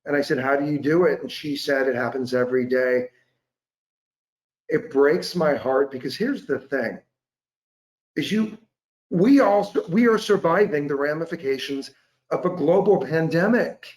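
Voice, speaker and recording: A man in his forties talking on a video call from home, telling a story with impassioned, animated energy. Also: a little high, unhurried. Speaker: guest. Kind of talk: casual interview chat. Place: home room with large windows. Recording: echoey room.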